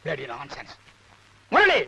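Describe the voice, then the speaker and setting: A middle-aged actor playing a strict, blustering army-major father who barks gruff English curses. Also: on the high side, wildly swooping pitch, extremely slow, sharp tone, exaggerated voice, low-quality recording. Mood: stern.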